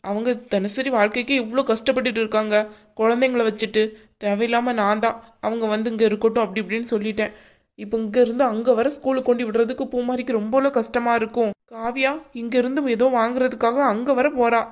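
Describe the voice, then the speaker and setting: Woman as a worried older cartoon mom, southern Tamil Nadu accent, self-blaming, quick delivery. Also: a little high, fairly even intonation, close to an everyday voice. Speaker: voice actor. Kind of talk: cartoon voice acting.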